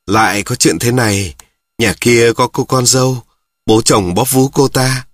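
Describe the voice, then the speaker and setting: A man's voice: medium pitch, steady tone, measured pace, no room sound, lightly acted. A man reading a story, voicing a weary grown son who talks in a dry, mocking way. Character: weary, sardonic adult son.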